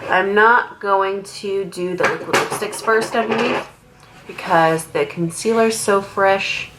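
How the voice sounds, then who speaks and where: Against a noisy background, a young woman speaks slowly in a mid-range voice. She's a makeup artist chatting at home while doing her makeup, nasal from a cold. Her get-ready-with-me talk is casual and rambling, peppered with "like."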